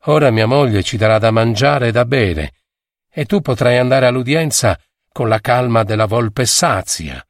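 A man voicing a jealous, crooked-legged peasant husband who speaks in a sharp, suspicious way. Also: mid-range voice, normal speed, no echo, studio quality, lightly acted. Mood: hospitable.

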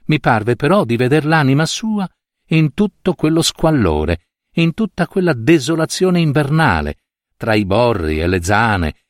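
A man's voice: medium pitch, big pitch swings, unhurried, no room sound, clean studio sound. Man reading a literary story. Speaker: narrator. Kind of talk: scripted literary narration.

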